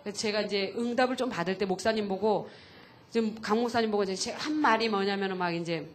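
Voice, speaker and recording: A woman's voice: medium pitch, quick pace, slight background noise. A woman, a pastor's wife, giving an earnest, chatty testimony at a church camp, full of fillers.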